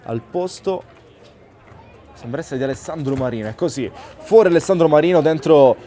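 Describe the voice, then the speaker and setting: A man's voice: fairly high pitch, lively intonation, brisk, dark tone. A man giving live play-by-play commentary on a football match. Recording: outdoor stadium crowd noise. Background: crowd at an outdoor ground.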